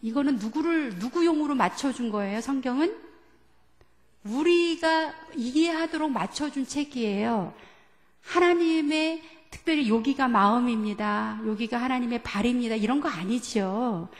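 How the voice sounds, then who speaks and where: A woman's voice: on the high side, moderate pace. Woman pastor teaching in an echoey hall. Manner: asks the congregation questions and leads group reading. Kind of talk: sermon lecture. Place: church sanctuary.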